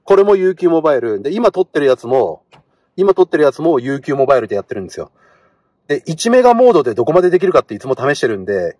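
Excitable male vlogger, husky, lively pitch, talking from a parked car. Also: dry recording. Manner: excitable, talks to camera while eating. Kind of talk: casual car-camping vlog.

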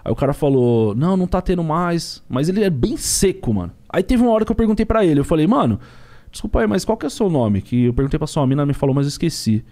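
A young man tells a story with quick, slangy street talk, playing out every exchange. His voice sits a bit high and leaps around in pitch. He rushes along at a rapid clip. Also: big pitch swings, dark tone. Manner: slangy and street-talking, acts out dialogue. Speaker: ride-share driver and podcast guest. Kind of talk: storytelling in a podcast chat.

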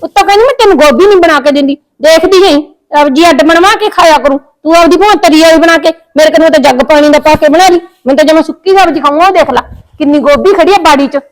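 Lady doing a very high quick punjabi auntie, bossy and fussy, always nagging. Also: close to an everyday voice. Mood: scolding. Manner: demanding, scolding, picky. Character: bossy fussy aunt, middle-aged woman. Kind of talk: village short film acting.

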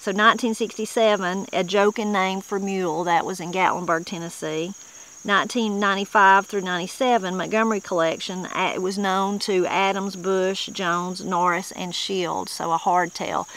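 A middle-aged woman with a Southern Appalachian accent hosts her channel from a wooded yard, casually reading dictionary entries to explain old mountain words. Her medium-pitched voice is steady and fairly bright at a normal speed, and her homespun, plain-spoken delivery has frequent restarts. The audio is poor, with slight background noise.

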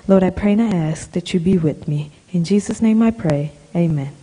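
A young woman from Honduras, preaching in a church hall and pausing after each phrase for an interpreter, speaking into a handheld microphone. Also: on the low side, warm tone, breathy edge. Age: young adult. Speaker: guest preacher. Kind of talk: sermon with live interpretation.

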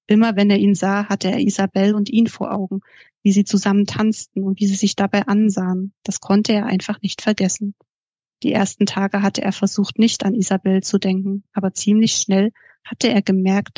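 A woman author reads from her own novel at a steady, even pace. Her voice is mellow and flat in pitch. It is close-miked and dry, and the recording sounds dull. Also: moderate pace, dry recording.

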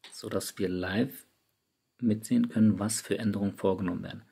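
A tech YouTuber with a low, gravelly, slightly husky and a little mellow voice walks viewers through phone settings in a screen-recorded app tutorial. He's casual and chatty, addressing his audience directly through a studio microphone.

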